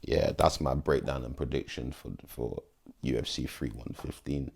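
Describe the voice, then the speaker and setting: A man's voice: extremely low pitch, normal speed, gravelly, a little mellow, a little hiss or hum. A young man giving casual, slangy fight predictions in an emphatic, pleading way. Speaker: MMA vlogger.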